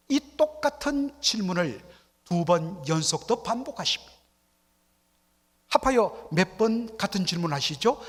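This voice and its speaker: A man preaching a Sunday sermon as pastor, often asking the congregation questions and acting out dialect jokes. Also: high voice. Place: church sanctuary. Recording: long church hall reverb.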